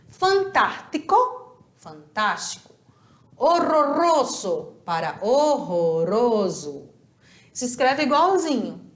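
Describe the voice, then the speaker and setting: A woman teacher with a Brazilian Portuguese accent, giving a recorded Spanish lesson and carefully over-pronouncing each example word. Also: fairly high pitch. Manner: slow, over-articulated model words in Spanish; explanatory, checks in with "tá bom?".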